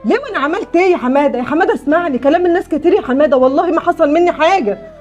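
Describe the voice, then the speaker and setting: Actor plays a high, rapid-fire Egyptian wife, pleading and insistent, comedy sketch. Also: lively intonation, darkish tone, faint music behind. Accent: Egyptian Arabic. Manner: pleading, swearing innocence. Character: young wife accused by her husband, pleading.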